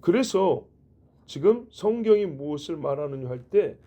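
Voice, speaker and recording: Husky pastor preaching conversationally. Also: male voice, on the high side, expressive, a little slow, dark tone. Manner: conversational preaching with rhetorical questions and joking asides. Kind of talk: sermon. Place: church.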